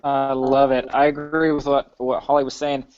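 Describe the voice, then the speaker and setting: A man who works as a teacher, a guest on a casual livestream, talking in a friendly, slightly halting way. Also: mid-range voice, flat delivery, a little mellow, clear, resonant tone, no room sound. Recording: dry, dull lo-fi audio.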